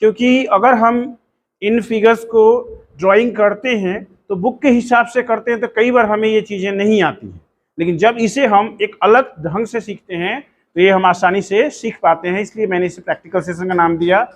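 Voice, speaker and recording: A man, a coaching center teacher and channel host, giving a formal, measured welcome. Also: high-pitched.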